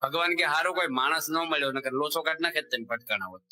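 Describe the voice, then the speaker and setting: A Gujarati swami preaching with a very bright, sharp tone that sits a little high for a man. He tells stories and slips into the voices of the people in them. His delivery rises and falls with each anecdote. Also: quick pace, poor audio. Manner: animated storyteller, voicing characters in quoted dialogue. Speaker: swami giving a religious discourse. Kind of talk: sermon with storytelling.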